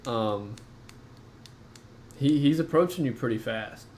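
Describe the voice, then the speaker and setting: A man narrating a tabletop game as game master, halting and full of fillers. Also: medium pitch, darkish tone.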